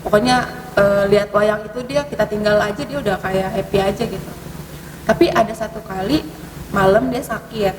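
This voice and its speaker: A woman telling ghost stories in casual conversation, hesitant, with many fillers and sudden rises in pitch. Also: normal speed, music in the background. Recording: distant mic, echoey hall, noisy.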